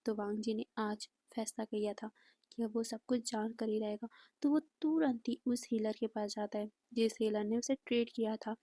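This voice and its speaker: Breathy, near-whispering woman storyteller. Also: fairly high pitch, fairly even intonation, moderate pace, no room sound. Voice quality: soft breathy delivery, often near a whisper. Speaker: fan fiction narrator. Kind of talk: storytelling narration.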